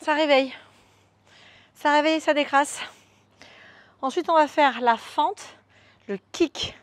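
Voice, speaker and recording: A woman's voice: high-pitched, takes it slowly, dry recording. A woman coaching a beginner workout, upbeat and coaxing, counting moves aloud as she demonstrates. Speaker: fitness coach. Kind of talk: guided workout instruction.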